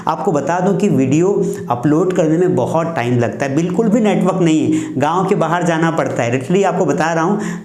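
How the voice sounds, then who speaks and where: A man's voice: a little high, darkish tone, roomy sound. A man hosting a spoken English channel, speaking to viewers in mixed Hindi and English and encouraging them as he goes, from a village during lockdown. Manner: encouraging, repeats "dosto" often.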